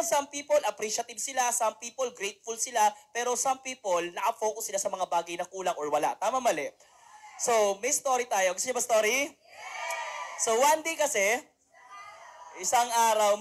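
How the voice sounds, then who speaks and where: A woman giving a motivational seminar talk, telling a story and constantly asking the audience for responses. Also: a little high. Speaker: motivational speaker.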